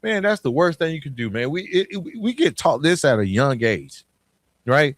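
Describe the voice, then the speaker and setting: A fairly high-pitched, very animated man speaks at a normal pace in a clean studio recording with no room echo. He's a podcast host from Atlanta with a Southern accent, delivering a casual motivational monologue that's emphatic and chatty, full of repeated phrases and questions.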